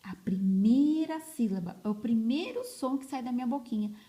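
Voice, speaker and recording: In a phone recording, a teacher walks children through beginning reading, elongating words and emphatically repeating their syllables one by one. Her voice is a little high, expressive and warm.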